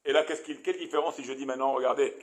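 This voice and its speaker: A man teaching a Torah lesson as a rabbi, animated and questioning his audience, with many Hebrew terms. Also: medium pitch, racing.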